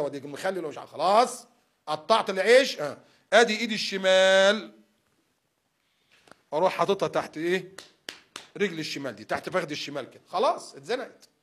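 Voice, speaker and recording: A man in his fifties with an Egyptian accent, giving a casual religious talk, acting out examples and firing rhetorical questions. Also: on the high side. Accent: Egyptian Arabic. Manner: animated, acts out examples, asks rhetorical questions. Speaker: preacher.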